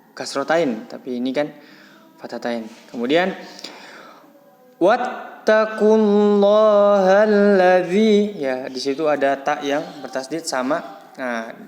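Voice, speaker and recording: A man teaching Quran recitation rules patiently, breaking off to chant Arabic words slowly and louder. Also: mid-range voice, long reverb tail. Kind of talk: tajwid lesson, explaining then chanting words.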